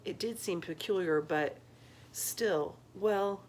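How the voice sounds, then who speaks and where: A woman reading a novel aloud in an expressive, emotive style, swelling with the story. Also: mid-range voice, takes it slowly. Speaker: audiobook reader.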